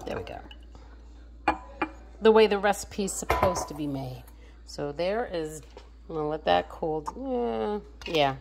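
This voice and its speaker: An American home cook vlogger chats her way through each step of meal prep in her own kitchen. Her fairly low voice is animated but a little slow, with vocal fry and long pauses, and there's background noise.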